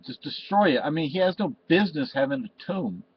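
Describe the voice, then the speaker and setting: Sitting indoors in his cluttered home, an older vlogger from Spain talks to the webcam before him in a meandering, emotional monologue, often restarting and saying "you know". He speaks briskly with a fairly high, breathy voice and lively intonation. The sound is dry, a bit dull, and lo-fi.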